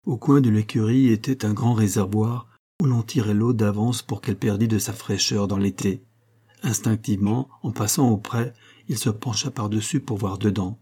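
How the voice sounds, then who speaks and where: A man narrating a novel chapter in measured, scripted storytelling. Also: fairly low pitch, fairly even intonation, dark tone, slightly rough. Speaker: audiobook narrator.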